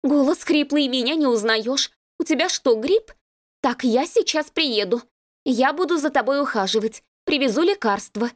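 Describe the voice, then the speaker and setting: A woman voicing a jealous young woman chattering fast and shrilly on the phone. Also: expressive. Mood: worried. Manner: rapid, shrill, accusing.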